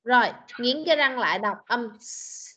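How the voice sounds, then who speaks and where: A woman English teacher with a Vietnamese accent, running an online class and drilling pronunciation with slow, patient corrections. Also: a little high, bright, forceful tone. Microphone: computer mic on video call. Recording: dull lo-fi video call audio.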